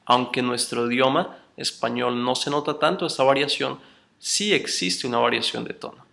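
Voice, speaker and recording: Male instructor with a bright, gravelly voice, teaching patiently and calling his students brothers. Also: mid-range voice, fairly even intonation. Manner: addresses students as brothers, explains slowly with spoken examples. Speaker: course instructor. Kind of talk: recorded online lecture.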